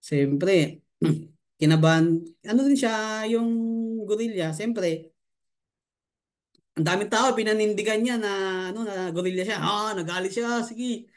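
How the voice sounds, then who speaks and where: A male marketing coach tells a story on a live stream. He is chatty and breaks into laughter often. His voice sits notably high. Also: unhurried, long pauses.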